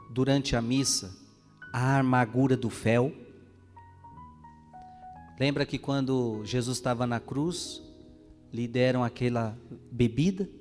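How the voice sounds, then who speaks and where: A man's voice: medium pitch, darkish tone. A man giving a sermon in a church, reading an interview aloud and voicing the questions and answers with rising emphasis. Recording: long reverb of a church hall, faint music.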